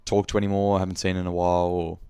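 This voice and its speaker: A man's voice: low voice, flat delivery, fast, mellow, smooth, dry recording. A young man with an Australian accent, hosting a podcast in a casual, rambling monologue, speaking frankly and swearing freely. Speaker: podcast host.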